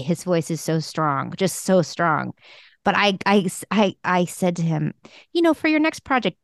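A woman with a mid-range voice co-hosts a talk show, casually but frankly and emphatically advising emerging writers. She's a podcast co-host and screenwriting mentor, recorded in clean studio sound with no echo.

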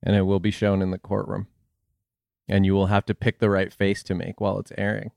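A man co-hosting a comedy podcast, teasing his co-hosts in a deadpan way. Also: fairly low pitch, a little fast, creaky, no echo, studio quality. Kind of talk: improv comedy banter.

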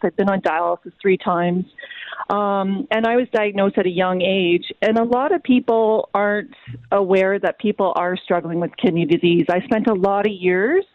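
A woman's voice: mid-range voice, no echo. A Canadian woman in her forties, a guest speaking earnestly with frequent ums in an interview over a tinny phone line.

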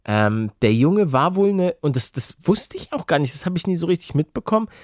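A man's voice: on the high side, very animated, a little fast, a little mellow, dry recording. Dry-sounding man, colloquial banter. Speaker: podcast co-host. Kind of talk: casual chat.

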